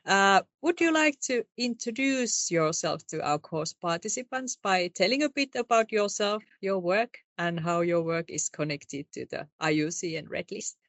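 A woman's voice: lowish voice, lively intonation, normal speed, hardly any pauses, dry recording. A woman hosting a course interview, introducing her guest politely.

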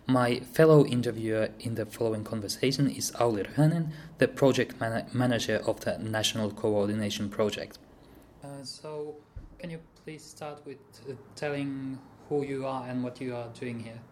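A man hosting a podcast interview, reading a measured introduction and then asking questions with some hesitant fillers. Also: medium pitch, darkish tone, a little hiss or hum.

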